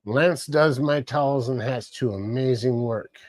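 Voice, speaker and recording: A man's voice: mid-range voice, a little slow, a little mellow, no echo. Rambling man hosting a livestream. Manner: rambling, greets chat viewers by name. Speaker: livestream host. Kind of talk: casual live-chat rambling.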